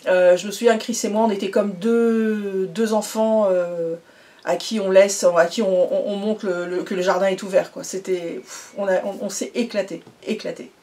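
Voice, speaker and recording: A woman's voice: mid-range voice, steady tone, moderate pace, mellow. A woman giving a casual, effusive recap, repeating words for emphasis. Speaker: vlogger.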